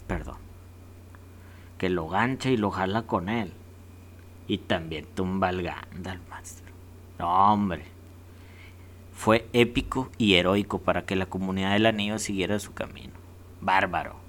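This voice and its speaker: A man's voice: on the low side, fairly bright tone, slight background noise. Slangy Mexican man counting down. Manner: rowdy, slang-heavy, jokey. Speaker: host. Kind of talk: casual countdown vlog commentary.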